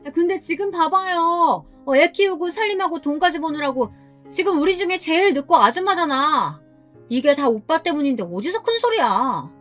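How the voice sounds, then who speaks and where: Woman voicing a snippy spiteful friend, high-pitched. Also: animated, normal speed, a bit bright, soft background music. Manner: snippy, blaming.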